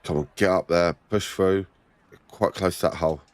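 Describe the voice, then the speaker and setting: A man's voice: low-pitched, steady tone, moderate pace, no room sound. A man playing a video game, chatting casually and muttering commentary on his own play. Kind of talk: casual gameplay chat.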